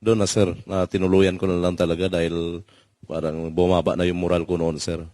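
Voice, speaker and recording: Deep-voiced earnest former marine. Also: male voice, level tone, a little fast, dark tone, dry recording. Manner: earnest, polite, frequent sir and po. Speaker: former marine speaking out on corruption.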